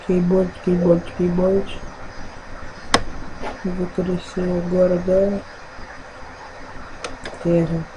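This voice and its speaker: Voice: medium pitch, background noise. A gaming channel host with a Brazilian accent, giving rambling, casual commentary while playing and thinking aloud.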